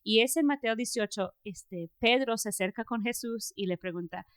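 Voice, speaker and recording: A woman hosting a faith podcast, telling a story in a lively way with frequent fillers and laughs. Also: fairly high pitch, normal speed, clear, resonant tone. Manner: animated storytelling, laughs often, many fillers. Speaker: podcast host. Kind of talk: casual faith conversation.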